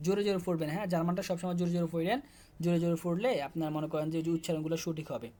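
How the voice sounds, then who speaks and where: A man's voice: a little high, level tone, very fast, mellow. A man speaking Bengali with a Bangladeshi accent, teaching German. He walks students through textbook exercises and repeats words as he goes. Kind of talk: casual explanatory lesson.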